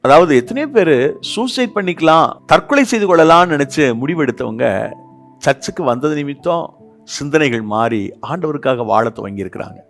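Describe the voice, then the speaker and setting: A man with a Tamil accent preaching a sermon as pastor, swinging between loud exhortation and soft confiding. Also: on the high side, lively intonation, brisk, soft background music. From India.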